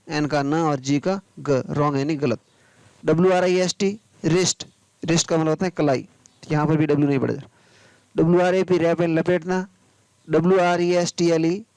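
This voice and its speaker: Higher-voiced man teaching spelling. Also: darkish tone, no echo, rough recording. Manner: spells out words letter by letter, then explains slowly. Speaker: English teacher. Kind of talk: pronunciation lesson.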